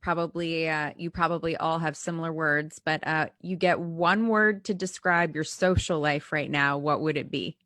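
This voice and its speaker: A woman moderating an online panel, upbeat and brisk as she hands out questions. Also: low voice, steady tone, fairly bright tone, dry recording, studio quality.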